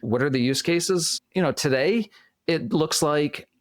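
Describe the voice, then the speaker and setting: A man's voice: a little high, a little slow, no echo, clean studio sound. A man with a Boston accent explaining his views as an interview guest, often posing questions and answering them himself. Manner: poses and answers own questions. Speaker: podcast guest.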